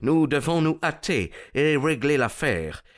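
A man voicing a pushy male American lawyer who talks in an insistent, hurried, persuasive way. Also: a little high, sing-song, voice pushed up.

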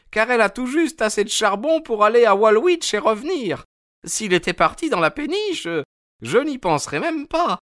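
A loud working-class wife in an audiobook, her voice pitched way up and fluttering. She frets and chatters without pause, all in a dry, close recording. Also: dry recording, exaggerated voice. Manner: shrill, chattering, fretful. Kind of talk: audiobook character voice.

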